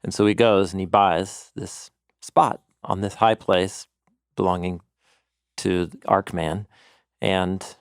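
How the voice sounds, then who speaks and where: A man co-hosting a podcast, explaining biblical stories in an animated conversational teaching manner, quoting scripture along the way. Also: sits low, takes it slowly, vocal fry, clear, resonant tone, no echo, clean studio sound. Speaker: co-host and Bible teacher.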